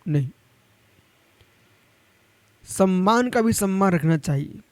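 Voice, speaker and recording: A man with a notably high voice delivers a monk's sermon, scolding and exhorting his listeners directly. His pitch climbs on emphatic points, and the sound is dry and close, with no room echo. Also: expressive, slow. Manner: admonishing, addresses listeners directly. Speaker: Jain monk.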